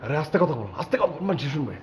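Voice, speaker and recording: A hushed, flustered bachelor. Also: male voice, a little high, sing-song, rapid-fire. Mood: urgent hush. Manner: hushed and urgent, pleading for quiet. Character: flustered bachelor hiding a foreign woman. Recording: echoey, dull and noisy location sound.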